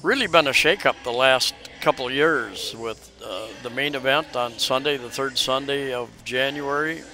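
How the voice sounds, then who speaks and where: Walking through a festival on a packed city street, a man of medium pitch and moderate pace rambles through a casual tour, hesitating and restarting often. He's a travel vlogger picked up by a camera mic, surrounded by noisy street crowds.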